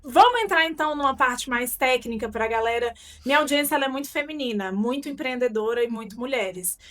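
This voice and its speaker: A woman hosts a casual interview podcast with a high, bright-toned voice. She asks her questions enthusiastically and reacts with exclamations. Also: animated, brisk. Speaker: podcast host.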